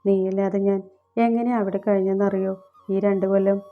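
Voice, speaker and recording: A man's voice: sits high, level tone, normal speed, narrow, tinny audio, soft background music. A woman reading the lines of a remorseful young husband in a romantic audiobook, in her own voice. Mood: pleading.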